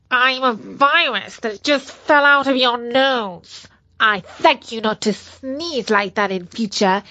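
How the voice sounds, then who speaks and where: A woman's voice: a little high, a bit bright, no echo, dull audio. A woman voicing a mean, boastful little male virus who talks like a pirate. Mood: smug.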